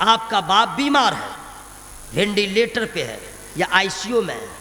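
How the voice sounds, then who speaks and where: A man preaching a fiery sermon to a crowd, swinging from quiet talk to loud shouting and calling on the listeners to respond. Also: high voice, very animated, measured pace. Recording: long reverb from a big echoey venue.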